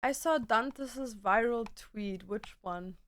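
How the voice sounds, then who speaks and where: Sassy girl doing a casual grwm chat, high voice, takes her time, slangy. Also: slow pace, fairly bright tone. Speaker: livestream host. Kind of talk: casual get-ready-with-me chat.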